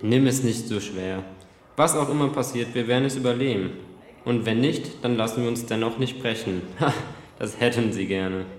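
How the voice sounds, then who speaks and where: A man's voice: mid-range voice, moderate pace, reverberant, slight background noise, natural voice. A man playing a defiant, wry village healer locked in a dungeon in an audio drama.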